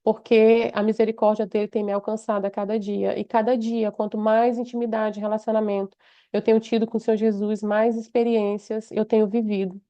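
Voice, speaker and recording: A woman's voice: mid-range voice, little pitch movement, a little fast, warm tone, smooth. A woman from Brazil giving a heartfelt personal testimony, speaking devoutly with frequent restarts. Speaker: church member giving testimony. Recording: slightly muffled lo-fi audio.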